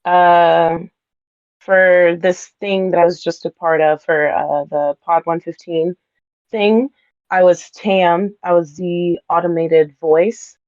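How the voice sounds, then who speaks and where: A woman's voice: on the low side, steady tone, takes it slowly, darkish tone, no echo, highs cut off. A woman voice actress being interviewed, chatting casually, sounding nervous and giggly with lots of fillers. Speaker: voice actress guest.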